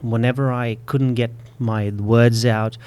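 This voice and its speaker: Late 30s guy w a stutter, repeats first sounds, slow thoughtful talk, middle-pitched voice, podcast guest. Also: steady tone, darkish tone, clean tone. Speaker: public speaking coach. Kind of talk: podcast interview.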